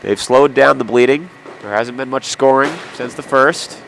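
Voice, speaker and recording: With cold-induced nasality, this man narrates amateur hockey play-by-play inside an arena, tossing in casual jokes along the way. He speaks at a moderate pace with a medium pitch, vocal fry and a slightly bright tone, over a little hiss or hum.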